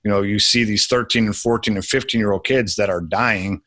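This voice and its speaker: A man's voice: lowish voice, steady tone, a little fast, a bit bright, no echo. A young adult man, a podcast guest, telling a personal story in casual conversation with many restarts.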